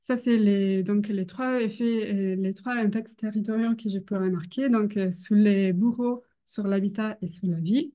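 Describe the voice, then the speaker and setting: A young woman with a foreign accent, a non-native speaker, gives an academic presentation hesitantly, often pausing to search for words. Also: mid-range voice, steady tone, mellow. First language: not French. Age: young adult. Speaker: doctoral researcher presenting.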